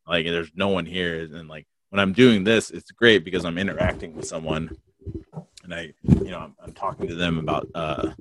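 A man's voice: low voice, fairly even intonation, normal speed, noisy background. A man hosting a casual podcast interview, talking in a loose, rambling way full of fillers and restarts. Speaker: podcast host.

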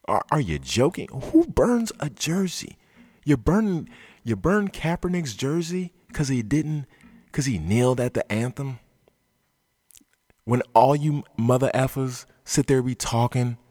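A man's voice: fairly low pitch, no echo, clean studio sound. A man hosting a sports podcast, ranting with passion and swearing freely as he argues his point. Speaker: podcast host. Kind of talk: heated sports talk rant. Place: basement studio.

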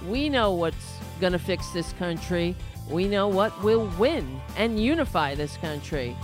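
A woman's voice: lowish voice, animated, unhurried, over music. A woman hosting a live political show, delivering an emphatic rally speech in short, declarative slogan phrases.

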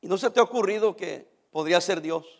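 A male pastor preaching an animated sermon, swinging from shouts down to near-whispers and acting out his church members' complaints. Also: high voice, fast, creaky.

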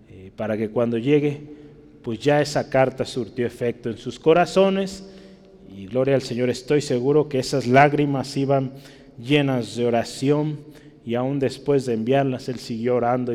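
A man's voice: medium pitch, normal speed, darkish tone, long reverb tail. A male pastor preaching a sermon, punctuating his points with "¿verdad?" and climbing to emphatic peaks.

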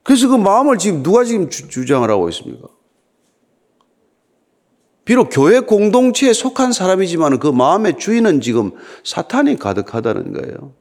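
A man's voice: high voice, huge pitch swings, normal speed, darkish tone. An older man preaching a sermon as pastor, talking to his congregation in a conversational way and asking them rhetorical questions.

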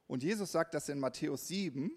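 A man preaching a lively, conversational sermon at a church service, often checking in with his listeners and acting out his own inner voice. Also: on the high side, brisk. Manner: checks in with listeners by asking 'ja?'. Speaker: pastor.

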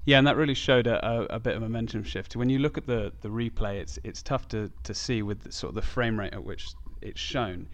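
A man's voice: fairly low pitch, brisk, few pauses. A man hosting a podcast, talking casually about sport. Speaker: podcast host.

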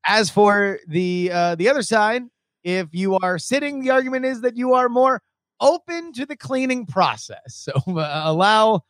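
High-voiced man laying out arguments. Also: expressive, normal speed, a bit bright, no room sound, studio quality. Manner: earnest, explains his arguments point by point. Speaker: podcast co-host. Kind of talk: casual chat.

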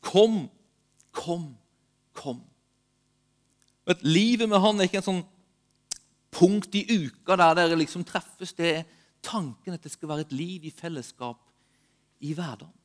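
A man giving a sermon with personal testimony, moving between urgent emphasis and hushed, slow passages. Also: high-pitched. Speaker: preacher.

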